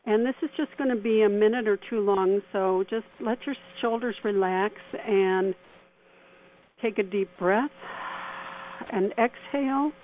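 A woman radio host leading a guided meditation in a slow, gentle, soothing way. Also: medium pitch. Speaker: radio host and spiritual counselor. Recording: tinny phone-like band, faint noise.

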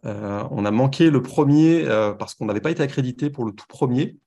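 A man's voice: medium pitch, fairly quick, dark tone. A man from France with a French accent, speaking as an interview guest and often repeating words as he searches for them. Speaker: podcast guest, sports website founder. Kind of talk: casual interview.

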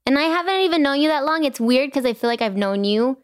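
A young woman hosting a podcast, chatting casually and gushing with warmth, slipping in Spanish phrases. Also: sits high, expressive, quick pace, no room sound, studio quality. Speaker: podcast host. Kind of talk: casual chat.

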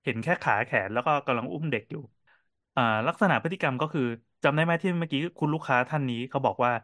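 A man co-hosting a casual podcast, telling cafe stories in a quick, animated way with lots of fillers. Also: on the high side, dry recording, clean studio sound. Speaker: podcast co-host and cafe owner.

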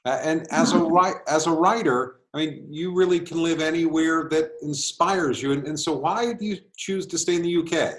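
A man's voice: a little high, moderate pace, hardly any pauses, a bit bright. A man hosting an interview podcast, reading an introduction and asking questions with frequent repeated words. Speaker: podcast host.

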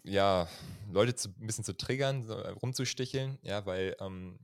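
A man in his thirties from Germany, a chiropractor talking as a guest in a relaxed, loose way. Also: on the low side, normal speed, no room sound, studio quality. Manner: relaxed, loose, peppers speech with "ja". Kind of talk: casual interview talk.

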